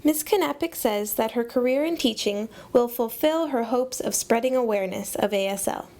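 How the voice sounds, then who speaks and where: A teenage girl reads a scripted news voice-over for a school story. Her voice sits a little high. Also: normal speed, warm tone. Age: teens. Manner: scripted narration. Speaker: student reporter.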